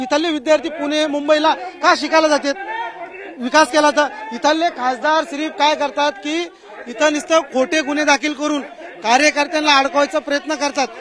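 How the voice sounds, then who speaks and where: A man with a Marathi accent arguing slowly and insistently about local grievances at a public debate. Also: extremely high pitch, fairly bright tone. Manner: slow, insistent listing of grievances. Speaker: local party supporter in a debate. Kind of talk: political argument at a public debate.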